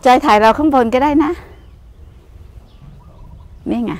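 An older woman leading a walking tour outdoors, explaining gently and motherly, calling the listener her child. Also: high-pitched, a little slow. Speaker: meditation center leader. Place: outdoors on hillside grounds.

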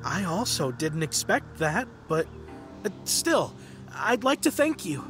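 Game casting: nervous, polite young male villager, lively intonation, music clearly behind. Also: sits high, slow, full character voice. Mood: bewildered, hesitant. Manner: hesitant, earnest, polite. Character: timid superstitious young townsman. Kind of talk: animated game character acting.

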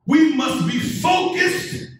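The pastor, a middle-aged man whose somewhat bright voice is unusually high for a man, preaches slowly and deliberately, building to emphatic peaks that invite call-and-response. A distant mic in a medium-sized indoor church sanctuary makes it heavily echoey, like listening from the back.

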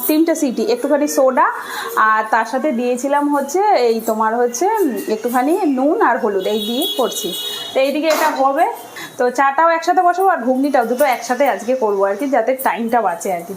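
A woman's voice: sits high, brisk, noisy background. A woman chatting to viewers as she cooks in her home kitchen. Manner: chatty, talks to viewers while cooking. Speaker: cooking vlogger. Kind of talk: casual cooking narration. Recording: kitchen clatter behind voice.

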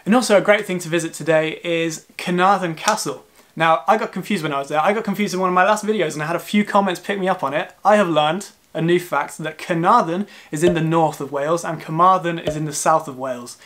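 Speaking fast in a fairly bright, higher-than-average voice, a young man in his twenties does casual travel vlog talk from his sofa at home. He addresses the camera in a chatty, self-deprecating way.

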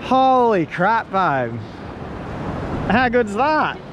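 A young Australian man hosting a casual fishing vlog on a surf beach at sunset, excitable and quick to laugh, recorded on a head-mounted camera. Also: high-pitched, dull audio. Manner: excitable, laughing, exclaiming at catches. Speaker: fishing channel host. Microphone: head-mounted action camera. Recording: loud surf and wind noise outdoors.

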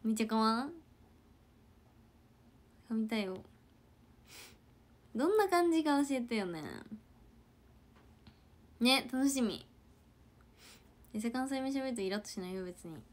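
Woman, casual livestream chat with viewers; chatty, soft murmured asides. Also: fairly high pitch, expressive, unhurried, long pauses. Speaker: idol trainee livestreamer.

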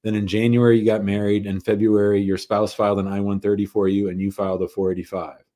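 A man's voice: fairly low pitch, flat delivery, fast, dark tone. A middle-aged man hosting an immigration advice call-in show over a video call, methodically recapping the caller's facts step by step. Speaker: immigration lawyer and show host. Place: home office. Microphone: webcam on a video call.

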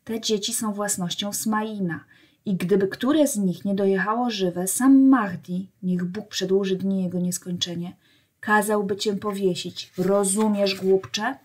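Brief: woman voicing a stern male leader, menacing and low. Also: fairly even intonation, a little slow, a little mellow, breathy edge. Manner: menacing, low-voiced threats. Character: stern commanding older male desert leader.

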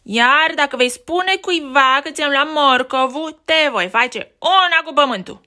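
A woman voicing a big mean male bully rabbit in a storybook reading, yelling insults and stretching out words. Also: high voice, animated, voice pushed up. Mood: taunting. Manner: yelling insults, slow drawn-out repeats.

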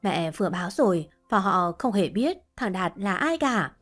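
A woman's voice: medium pitch, very animated, moderate pace, a bit bright, faint music behind. A woman voicing a desperate, grieving older mother who pleads through sobs. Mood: wailing. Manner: sobbing, pleading.

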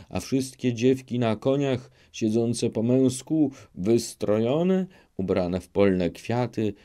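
Male audiobook narrator, classic novel, measured dramatic reading, dark mellow tone, slow. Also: fairly low pitch.

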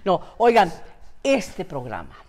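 A woman's voice: on the low side, slow pace. A woman co-hosting an interview in a guest's home, talking in a playful, exclamatory way full of interjections. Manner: animated, playful teasing. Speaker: co-host. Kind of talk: lively interview chat.

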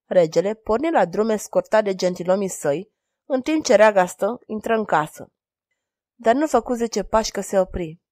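A woman narrating a historical adventure audiobook in an even, quiet voice. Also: mid-range voice, no echo, studio quality.

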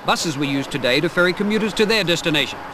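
Guy doing a formal news report voiceover, highish voice, hissy old tape. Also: animated. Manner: measured, formal reporting delivery. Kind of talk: scripted news narration.

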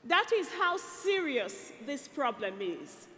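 A woman from Nigeria in her thirties giving a rousing speech to a youth rally on an arena stage through a headset mic, building to rallying shouts and call-and-response. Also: high voice, very animated, takes it slowly, slight background noise. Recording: long arena reverb. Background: arena hall.

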